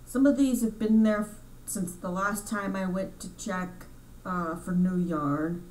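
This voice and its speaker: A woman's voice: medium pitch, fairly even intonation, unhurried, darkish tone, far from the mic, slight background noise, poor audio. A woman hosting her crochet channel in a chatty, rambling way, correcting herself as she goes, a bit congested from sinus trouble. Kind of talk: casual chat over store footage.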